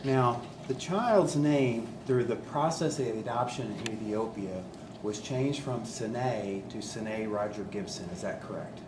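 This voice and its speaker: A male attorney asking witnesses measured, formal yes-or-no questions in a courtroom recording. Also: mid-range voice. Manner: measured, procedural, asks leading yes-or-no questions. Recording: echoey courtroom with background noise.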